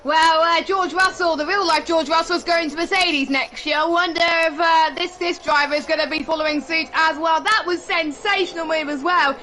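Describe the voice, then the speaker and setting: A woman calls a sim race live with an excitable, exclamation-filled delivery. Her voice sits high and bright, with a sharp edge. A faint hiss runs underneath. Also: normal speed, few pauses. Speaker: esports race commentator. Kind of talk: live sim racing commentary.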